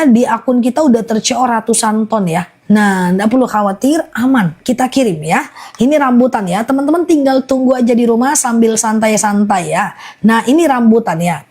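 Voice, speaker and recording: A woman's voice: on the high side, darkish tone. Chatty woman rattling off sales lists. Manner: rattles off long lists of ailments, chatty and reassuring. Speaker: live-stream honey seller. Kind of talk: casual live-selling patter.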